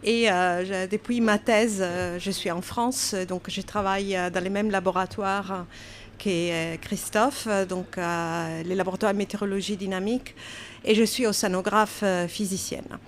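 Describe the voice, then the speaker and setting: A woman's voice: mid-range voice, fairly even intonation, moderate pace, a little hiss or hum. A woman from Italy, a native Italian speaker, giving a public science talk in a café event room, hesitant with many fillers and questions to the audience. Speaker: oceanographer speaker.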